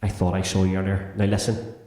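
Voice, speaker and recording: A man hosting a school podcast in a scripted comedy sketch, with a brisk, teasing, chatty manner. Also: sits low, monotone, dark tone, very echoey. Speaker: teacher and podcast host.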